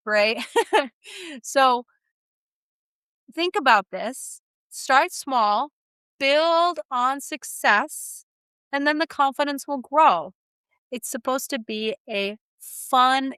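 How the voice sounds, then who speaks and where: A woman's voice: a little high, smooth, dry recording. A woman feeding therapist giving encouraging, practical advice to parents in a solo talk. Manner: warm, encouraging, animated teaching.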